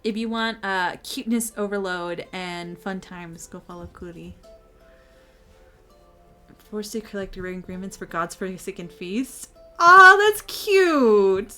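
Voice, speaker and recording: A woman's voice: lowish voice, steady tone, measured pace. A woman live-streaming a game with casual commentary in a cute, bubbly, giggly manner. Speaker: variety streamer and VTuber. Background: game music.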